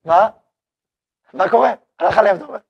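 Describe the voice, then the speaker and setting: A man gives a religious lesson to his students in a rough, gravelly voice with a breathy edge. He sits close and dry on the recording, with little room sound. He tells everyday stories, plays both sides of the dialogue, and keeps asking the class questions. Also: high voice, dry recording, muffled recording. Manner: animated storytelling, acting out short dialogues; asks the class questions and answers them. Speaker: yeshiva head teaching a class. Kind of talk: spoken Torah lesson.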